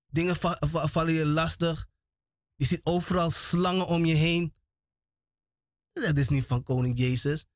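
A man's voice: a little high, steady tone, measured pace, pauses often, dry recording, clean studio sound. A man preaching on the radio, emphatic and repetitive, often breaking off and restarting his words. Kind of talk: radio sermon.

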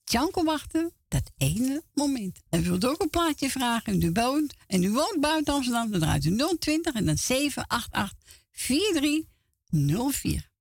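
A woman's voice: sits high, sing-song, measured pace, creaky, no echo, clean studio sound. A woman hosting a radio request show, chatting in an agreeable, informal way. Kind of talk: casual chat. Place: radio studio.

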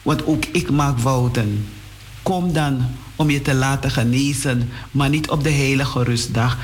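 A man preaching a sermon on the radio, whose voice jumps up in pitch and speeds up at times. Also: unhurried, a little hiss or hum. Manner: preaching with sudden rises in pitch and pace. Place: radio studio.

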